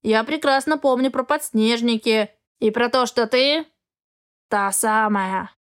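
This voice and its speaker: Woman doing a grumpy old male raven, senile, snorting, scolding, storybook, fairly high voice. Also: moderate pace, clear, resonant tone, lightly acted. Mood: grumbling.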